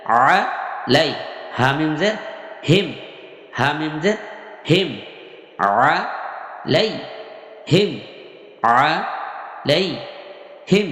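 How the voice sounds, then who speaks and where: A man gives a recitation lesson, sounding out each syllable and repeating it several times so learners can follow. His delivery is very unhurried, in a slightly high voice. The room adds a long, echoing reverb behind him. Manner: patient, repeats each syllable, drills it, then asks and answers his own questions. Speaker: Quran recitation teacher. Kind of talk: slow spelling lesson with chanted recitation.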